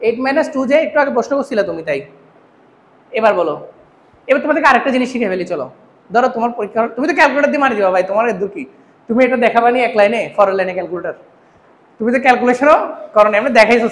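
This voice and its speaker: Quizzing male math teacher, echoey classroom. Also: very high-pitched. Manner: quizzing, keeps asking the class questions. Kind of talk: classroom lecture. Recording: echoey room, faint hum.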